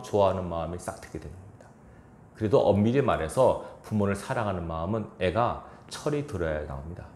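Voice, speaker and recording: A man's voice: low-pitched, a little mellow, echoey room, slight background noise. A man pastor preaching a sermon in a church, chuckling now and then and acting out quoted lines. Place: church sanctuary.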